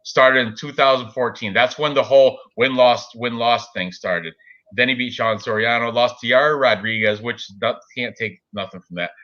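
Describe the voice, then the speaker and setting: On a casual sports betting chat, a forties-aged male host talks at normal speed in a mid-range, fairly bright voice, despite dull audio. He's rambly, full of fillers, and laughs a lot.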